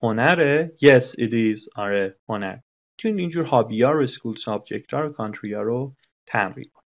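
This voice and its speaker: This one has the same patient male English teacher, repeating phrases as he guides students through a lesson. His middle-pitched voice carries lively intonation, though the recording sounds dull and lo-fi.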